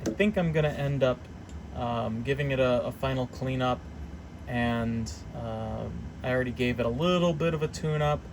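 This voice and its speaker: A hobbyist repairer gives an informal, hands-on demonstration, speaking in a halting, unscripted way as he thinks aloud and explains. His voice is average in pitch, and a clear, steady background noise runs beneath it.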